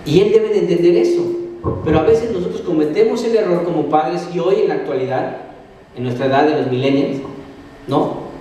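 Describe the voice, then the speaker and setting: Mexican male preacher, high and mellow, rhetorical-question sermon, distant mic with heavy hall echo. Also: a little fast, a little hiss or hum. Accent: Mexican Spanish. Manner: asks the congregation questions and answers them. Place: church hall.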